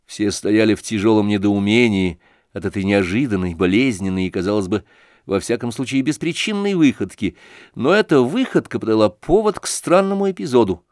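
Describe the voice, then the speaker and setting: A man narrating a classic novel in a measured, expressive literary reading. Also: on the low side, no echo, studio quality. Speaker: audiobook narrator.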